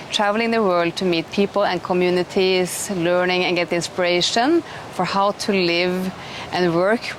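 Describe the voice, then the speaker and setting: A middle-aged woman, hosting an interview in a chatty, enthusiastic way with many restarts. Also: lowish voice. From Norway. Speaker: host. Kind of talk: casual conversational interview. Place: outdoors in an eco village. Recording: noisy outdoor recording.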